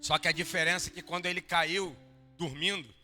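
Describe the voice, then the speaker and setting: A male pastor from Rio de Janeiro preaches a sermon in Brazilian Portuguese with a Rio accent, his voice on the high side, steady and a little fast. He swings between quiet asides and loud, emphatic lines and jokes with the congregation. The church hall gives a long reverb, and a guitar plays faintly behind him.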